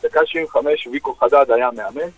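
A middle-aged man with a Croatian accent, a former footballer telling stories as a radio guest, in lively, broken speech. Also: mid-range voice, breathy edge, no echo, narrow, tinny audio, faint music behind. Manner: lively, acts out dialogue, broken grammar. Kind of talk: animated storytelling on radio.

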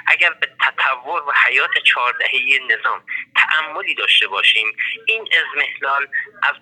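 Formal Iranian man, sharp telephone voice message. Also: mid-range voice, expressive. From Iran. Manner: formal, oratorical wording. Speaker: political prisoner, party secretary-general. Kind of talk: prepared political statement as a recorded voice message. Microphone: telephone handset. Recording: harsh, thin prison telephone line.

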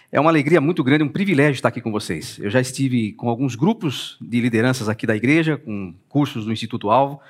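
A man with a Brazilian Portuguese accent giving a conversational talk in a church, presenting his book and speaking straight to the listeners. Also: medium pitch. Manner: conversational, addresses listeners directly. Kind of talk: church talk streamed live.

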